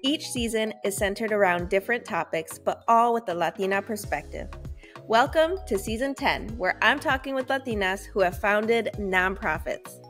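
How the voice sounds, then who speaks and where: A woman hosting a podcast from her home office reads a scripted intro, then interviews a guest over a video call on a headset. Her mid-range voice is expressive and moderately paced, upbeat, with warm thanks to the guest. Soft music plays in the background.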